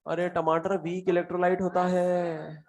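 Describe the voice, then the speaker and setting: A man's voice: sits high, level tone, moderate pace, a little mellow. A man teaching a chemistry class, quizzing and teasing his students and repeating the key answers for emphasis. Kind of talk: classroom lecture.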